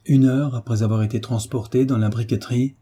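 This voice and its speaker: Brief: male audiobook narrator, measured storytelling, very mellow dark tone, a touch husky. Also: medium pitch, steady tone.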